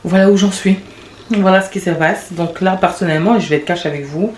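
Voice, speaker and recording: A woman in her late twenties hosting a podcast, talking in a rambling, confessional way with quick restarts and laughs. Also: lowish voice, a little mellow. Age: late 20s. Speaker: podcast host. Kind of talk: casual confessional monologue. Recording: echoey room with faint background noise.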